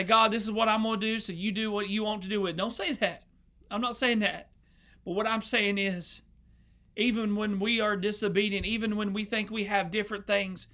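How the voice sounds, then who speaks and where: A young pastor preaches with a bright, forceful voice pitched fairly high for a man. He speaks earnestly and with emotion, circling back to repeat words as he builds each point. He sounds heartfelt, as if preaching from a church pulpit. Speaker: associate pastor. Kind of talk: sermon. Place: church sanctuary.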